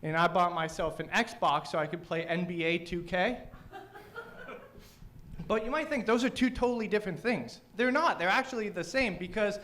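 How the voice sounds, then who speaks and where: A young man with a fairly high voice works an open mic crowd, brash and profane, needling the audience. His words come out thick and mushy, as if his mouth is full. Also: moderate pace, bright, forceful tone, slight background noise. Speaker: stand-up comedian; teacher. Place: small comedy studio stage.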